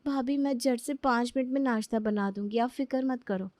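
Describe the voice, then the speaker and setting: A woman's voice: a little high, normal speed, a little mellow, no room sound, voice pushed up, close to an everyday voice. Woman voicing a sleepy, carefree young bride. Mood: sleepy, dawdling.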